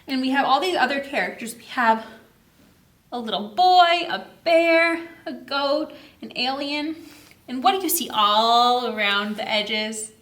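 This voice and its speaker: A woman hosting children's story time reads a picture book in a high, reverberant voice. Expressive and exaggeratedly slow, she draws the kids in by asking them questions.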